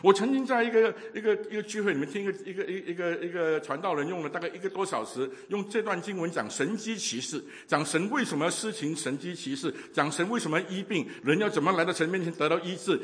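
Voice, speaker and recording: A man preaching a sermon, telling a story with lively acted-out voices and many hesitations. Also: high-pitched, fast talker, few pauses, in a large hall.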